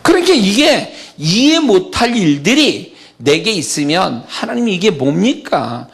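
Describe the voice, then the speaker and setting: A man's voice: high voice, a little slow, husky. Guy pastor preaching in church, voice jumps all over, asks lots of questions. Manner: animated preaching with rhetorical questions and acted prayers. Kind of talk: sermon. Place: church sanctuary.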